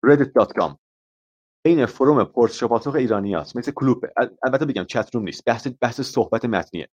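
A man runs a live online English lesson. He explains patiently and walks through everyday examples, slipping English phrases into his talk. His voice sits at an ordinary middle pitch, and the stream audio is dull and lo-fi. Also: animated, a little mellow. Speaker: IELTS teacher.

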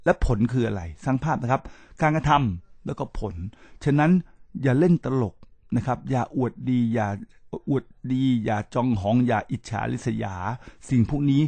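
A man's voice: mid-range voice, moderate pace, mellow, husky, no room sound. A middle-aged man hosting a talk show, lecturing his listeners in a preachy way and often stopping to address them and spell out English terms. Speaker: podcast host.

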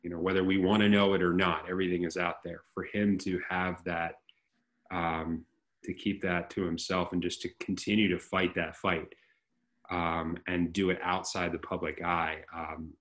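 A man with a fairly low voice hosts a casual movie podcast. He chats easily and laughs off his own stumbles. His talk is relaxed and conversational. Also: normal speed. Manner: self-deprecating, laughs at own slips. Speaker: podcast host.

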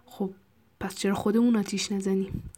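A bold, thrill-seeking young woman, read by a woman narrating a novel. She sounds excited and teasing, eager for the next risk. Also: medium pitch, lightly acted.

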